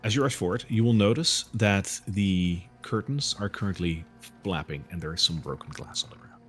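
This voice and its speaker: A man narrating a tabletop role-playing game as game master, telling the scene in an animated way. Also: low-pitched, normal speed, soft background music.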